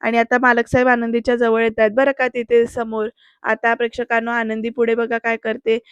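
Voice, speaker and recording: A woman's voice: a little high, monotone, a little fast, clean tone, no room sound, dull audio. A woman narrating a chatty recap of a TV serial episode, repeatedly addressing her viewers. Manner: keeps addressing viewers, conversational storytelling.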